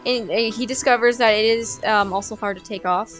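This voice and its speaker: A woman's voice: a little high, steady tone, fairly quick, a bit bright, soft background music. A woman co-hosting a casual review chat, retelling scenes and searching for words. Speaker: podcast co-host.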